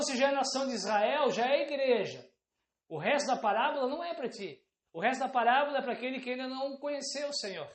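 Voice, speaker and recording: A woman's voice: high voice, roomy sound. A woman preacher delivering an emphatic sermon, often calling out rhetorical questions to the congregation.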